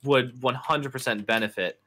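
A man's voice: medium pitch, normal speed, sharp tone. A man joking around with friends over voice chat while gaming, playful and pushing a running gag. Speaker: friend playing the game.

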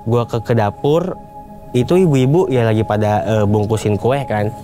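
A man's voice: lowish voice, moderate pace, faint music behind. A young man, telling a tale on a casual talk show and acting out the voices of the people in it. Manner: animated retelling in casual Jakarta slang, acts out quoted voices. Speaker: guest storyteller. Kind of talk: casual storytelling.

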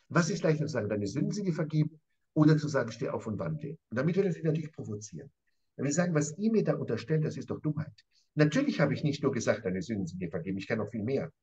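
In a lo-fi recording, a man lecturing as a professor teaches a Bible passage in an animated, conversational lesson. His voice is medium-pitched, a little mellow and husky. He's emphatic and repetitive, often addressing his interviewer by name.

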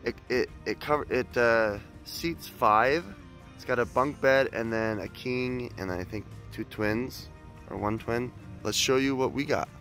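A man's voice: medium pitch, a little slow, a bit bright, faint music behind. Groggy man vlogging a campground tour. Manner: chatty and upbeat, with loose fillers. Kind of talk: casual vlog walkthrough. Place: campground, outdoors and inside a tent.

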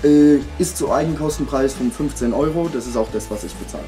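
A man's voice: mid-range voice, fairly quick, dark tone, soft background music. A man in his thirties making a casual giveaway announcement as a channel host, chatting informally and directly to his viewers in a room at home.

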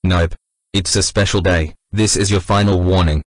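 A man voicing a mysterious country figure in a disguised deep voice, giving quiet, ominous warnings. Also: steady tone, moderate pace, dry recording.

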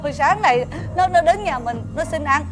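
An actress playing a frightened, tearful wife who stammers. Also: female voice, high-pitched, animated, brisk, music in the background. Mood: fearful. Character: frightened wife who killed a beggar boy.

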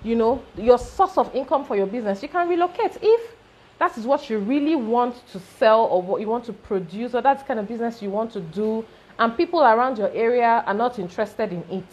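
A woman's voice: on the high side, lively intonation, fairly quick, slightly rough, low-quality recording. A woman with a Nigerian accent, coaching on business growth in an emphatic talk with rising checks like "okay?". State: briefly choking.

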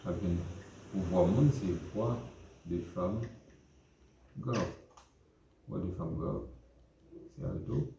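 A deep, gravelly man with a Haitian accent teaches a music lesson, going over each point again and again and checking in with "ok?". His dark voice comes through a roomy, dull lo-fi recording with faint noise behind it. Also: very slow, pauses often. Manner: repetitive, checks in with "ok?". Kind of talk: classroom lesson.

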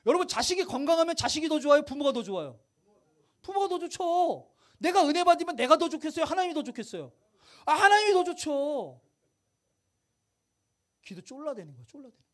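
A man preaching a sermon in a church, with a voice that sits high for a man. He talks to the congregation casually and keeps throwing questions back at them to drive his point home. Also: fast talker. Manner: animated, conversational preaching with rhetorical questions to the congregation. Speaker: pastor. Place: church sanctuary.

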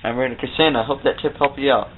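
This casual outdoor vlog features a young Ohio man giving ice fishing gear tips, upbeat and rambling. He speaks at a quick pace in a mid-range voice with a steady tone, and there's slight background noise. The handheld camera mic produces lo-fi, phone-like audio.

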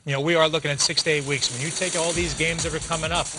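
A man in his forties giving post-game hockey analysis in a TV studio, talking fast with restarts, on a lapel mic. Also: fairly high pitch, music in the background. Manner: fast, animated talk with restarts, gesturing with hands. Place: TV studio set.

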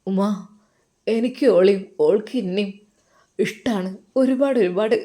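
A woman voicing a gentle, remorseful young man, speaking softly. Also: mid-range voice, measured pace, close to an everyday voice. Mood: tearful.

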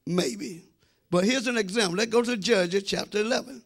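A middle-aged American man with a high-pitched voice preaches at a moderate pace. He is the senior pastor, speaking emphatically in the sanctuary through a handheld microphone, drawing out phrases and talking straight to the congregation.

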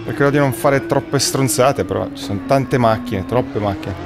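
A man giving casual sim racing commentary, his voice hoarse and worn after the flu, chatty with his viewers. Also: medium pitch, normal speed. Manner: chatty, addresses viewers as guys. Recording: faint music underneath.

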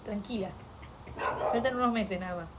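A woman's voice: mid-range voice, normal speed. A young woman with a Rioplatense accent, chatting casually on a live stream at home and talking to her dog. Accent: Rioplatense Spanish. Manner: chatty, playful, talks to her dog and chat. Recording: noisy home stream audio.

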